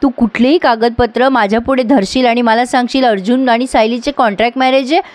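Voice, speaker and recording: A woman's voice: on the high side, fairly even intonation, fairly quick, darkish tone, no echo, close to an everyday voice. A woman voicing a stern elderly matriarch who scolds firmly.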